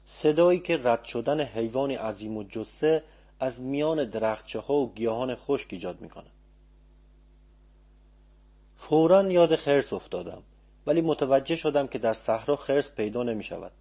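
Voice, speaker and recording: A man narrating an audiobook in a calm, measured storytelling manner. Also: medium pitch, slightly rough.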